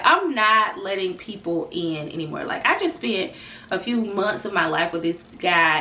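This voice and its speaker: A woman's voice: mid-range voice, sharp tone, reverberant, far from the mic. A woman in her thirties talking candidly and casually to her viewers, calling them y'all. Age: 30s. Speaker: vlogger. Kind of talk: casual talk to camera.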